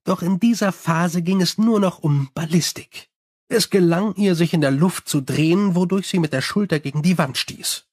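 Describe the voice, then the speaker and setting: A man reading an audiobook in measured storytelling narration. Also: high voice, a little mellow, dry recording, studio quality. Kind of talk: scripted narration.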